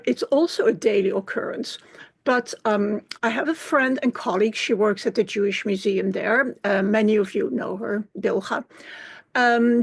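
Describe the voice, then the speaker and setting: A woman from the Netherlands speaking earnestly in an online group discussion. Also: a little high. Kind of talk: casual chat. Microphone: video call.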